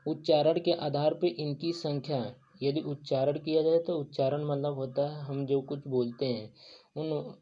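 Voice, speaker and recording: A man's voice: on the high side, fairly even intonation, a little slow, mellow. Man teaching with constant verbal fillers. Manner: filler-heavy, repeats "jo tha" and "jo hota hai". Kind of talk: exam-prep lesson. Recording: dull lo-fi sound.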